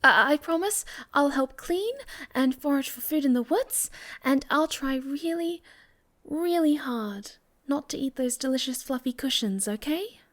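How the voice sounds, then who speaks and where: In an ASMR roleplay, a woman voices a sweet young moth girl with a fairly high, animated, unhurried voice, telling her story softly and intimately. Shy, hesitant and hopeful, her gentle speech often sinks into a breathy near-whisper.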